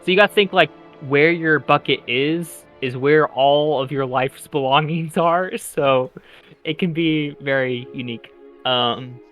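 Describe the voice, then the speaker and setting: A man acting as game master, explaining rules in a relaxed, rambling way and laughing often. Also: medium pitch, lo-fi sound. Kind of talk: running a tabletop game.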